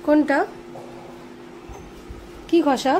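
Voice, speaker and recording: A woman's voice: high-pitched, level tone, very slow, darkish tone, a little hiss or hum. A young woman vlogging casually at home, teasing and bossing someone about chores. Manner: teasing, bossy. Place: home indoors.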